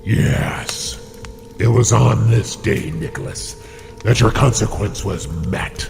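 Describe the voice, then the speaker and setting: A man voicing a disembodied male creature that feeds on sorrow, speaking slowly with a taunting, menacing manner. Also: mid-range voice, little pitch movement, gravelly, over music. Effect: disembodied voice from nowhere. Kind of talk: audio drama acting.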